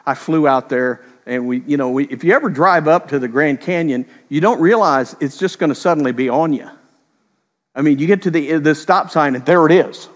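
A middle-aged man preaching a sermon, telling stories in a conversational way and slipping into quick voiced quotes. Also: fairly high pitch, big-room sound. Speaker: pastor.

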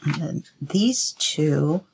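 Sitting at her home craft table, a woman talks to herself while leading a craft tutorial, sounding slightly sniffly. Her voice sits low, with lively intonation, drawn-out words and vocal fry, all captured in a noisy home recording.

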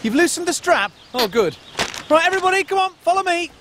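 Kids show host type, fussy excitable trip leader for children's TV comedy, very animated, noisy backdrop. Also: male voice, extremely high pitch, quick pace. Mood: flustered. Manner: kids show host, exclaiming and mock-stern. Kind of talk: scripted children's comedy acting.

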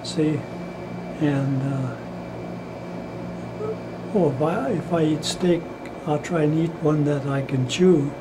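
Very old man, higher-pitched, with background noise. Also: slow pace, pauses often. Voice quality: very old man's voice. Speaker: interviewee. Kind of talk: casual interview. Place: indoors, small room.

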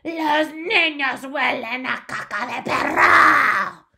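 A woman voicing a furious, hateful grand witch in a storybook reading, shrieking her words slowly and drawn out. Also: high-pitched, vocal fry, pushed and bright, voice pushed up, heavily acted. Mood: screeching hateful. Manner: slow, drawn-out shrieking declarations. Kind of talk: storybook read-aloud.

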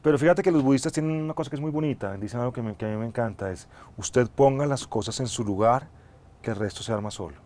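Middle-aged male actor, mid-range voice, earnest and measured, TV studio interview guest on lapel mic. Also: medium pitch, a little mellow. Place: TV studio set, seated in armchair.

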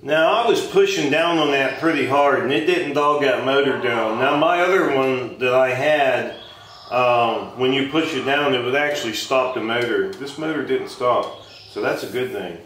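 A middle-aged American homestead vlogger reviews a tool in a casual hands-on demo, speaking plainly and folksily at normal speed in a mid-pitched, slightly bright voice. He's in an open wooden workshop shed with roomy echo, clear background noise, and clatter.

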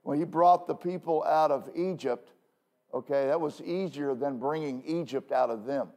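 A male pastor preaching a sermon from the pulpit in a conversational way, full of self-deprecating asides and quick "okay?" checks with the congregation. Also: on the high side, darkish tone. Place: church pulpit.

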